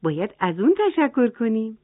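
A woman's voice: on the high side, big pitch swings, dry recording. A woman voicing Lady Sun, a cheerful, modest figure in a children's story. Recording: tinny phone-like dry sound.

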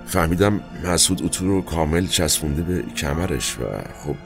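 A man narrating his own past in a colloquial, halting way, with asides and trailing fillers, over faint background music. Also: deep voice, fairly even intonation. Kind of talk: first-person spoken recollection.

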